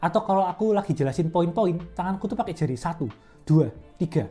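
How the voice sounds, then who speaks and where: Young woman, low mellow voice, chatty speaking-coach vlog, soft music underneath. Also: animated, quick pace. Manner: chatty and conversational, explains step by step. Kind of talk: casual educational vlog.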